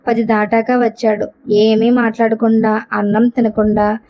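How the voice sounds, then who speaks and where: Woman reading a novel aloud, steady, bit high, muffled recording. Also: a little slow. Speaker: narrator. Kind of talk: storybook narration. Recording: dull lo-fi recording.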